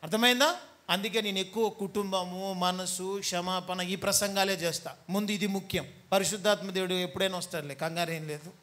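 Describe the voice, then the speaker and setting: A man's voice: high voice, fairly even intonation, a little fast, sharp tone. A man preaching a sermon as pastor, teasing and scolding his congregation and mimicking the people he talks about. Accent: Telugu.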